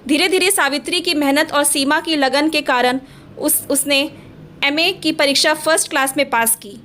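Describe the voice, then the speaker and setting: A woman storyteller narrating a scripted family story in a steady, dramatic way. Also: sits high, moderate pace, a little hiss or hum.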